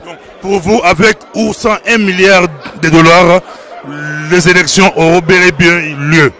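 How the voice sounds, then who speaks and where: A man's voice: sits high, fairly even intonation, unhurried, bright, forceful tone, a faint crowd. A man interviewing a political activist, asking probing and challenging questions.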